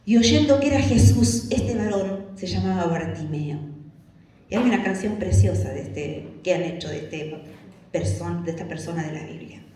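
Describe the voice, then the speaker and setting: A woman's voice: fairly low pitch, lively intonation, normal speed, warm tone. A woman preacher, telling a Bible story in a sermon and acting out its cries with long, raised calls. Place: church. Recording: very echoey church hall.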